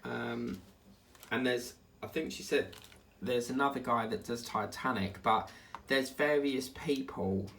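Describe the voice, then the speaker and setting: Working at his craft table, a man with a sharp, mid-range voice chats about his day in a loose, wandering way, humming and singing as he goes. He hosts a crafting channel and has an Essex accent with a hint of South African; a little background noise is audible.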